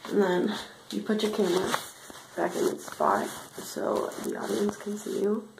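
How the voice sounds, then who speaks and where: A woman in her twenties chatting casually to her phone in a deadpan, offhand, sweary way. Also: mid-range voice, unhurried. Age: 20s. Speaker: vlogger giving a joke makeup tutorial. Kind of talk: casual vlog chat. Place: small tiled bathroom. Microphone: handheld phone at arm's length. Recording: echoey small room, some noise.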